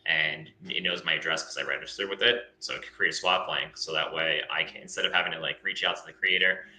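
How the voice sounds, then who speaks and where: A man's voice: very deep voice, steady tone, quick pace, pushed and bright, reverberant, a little hiss or hum, rough recording. A man in casual podcast chat, explaining how a tool works with many fillers and restarts. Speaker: guest explaining a crypto tool.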